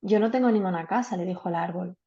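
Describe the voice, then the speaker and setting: A woman voicing a gentle, selfless giving tree in a storybook reading. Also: lowish voice, fast, muffled recording, lightly acted. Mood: tender.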